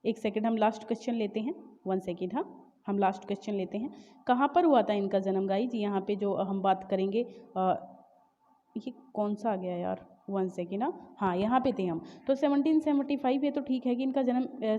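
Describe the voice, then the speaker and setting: A woman teacher with a fairly high, mellow voice works through exam-prep questions, switching between Hindi and Indian-accented English. She reads each question out slowly, then explains it with fillers and self-corrections. The sound is dull and lo-fi, with a long reverb tail.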